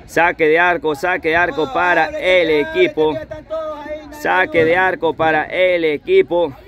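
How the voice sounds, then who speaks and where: A man's voice: fairly high pitch, little pitch movement, measured pace, muffled recording, crowd noise. A man giving live play-by-play football commentary, repeating his phrases over and over. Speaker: amateur football match commentator. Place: outdoors at a football pitch.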